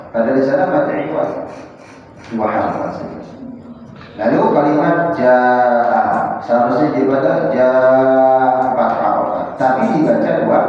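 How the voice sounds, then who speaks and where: A man's voice: mid-range voice, slight background noise. Distant echoey man teaching Quran recitation. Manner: explains corrections, then chants Arabic examples slowly. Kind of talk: tajwid lesson to a congregation. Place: prayer room. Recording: distant, dull and echoey in a hall.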